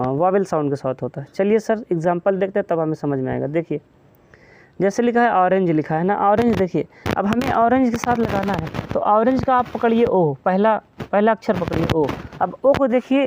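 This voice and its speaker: A man's voice: high voice, darkish tone. A man teaching an English grammar lesson in Hindi. He fondly calls his students "beta", then asks questions and answers them himself. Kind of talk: Hindi-language grammar lecture. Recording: slightly muffled with faint hiss.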